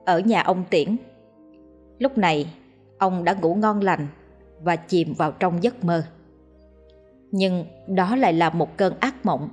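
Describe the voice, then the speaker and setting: A woman reading out a ghost story in a steady, dramatic way as the storyteller. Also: lowish voice, slow, long pauses, soft background music. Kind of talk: scripted ghost story narration.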